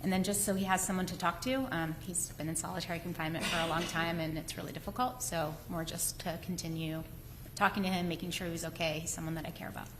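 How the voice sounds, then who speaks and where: A woman's voice: lowish voice, steady tone, fast. A woman giving courtroom testimony as a witness, explaining her answers in an informal way. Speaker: witness, public defender. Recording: faint background noise.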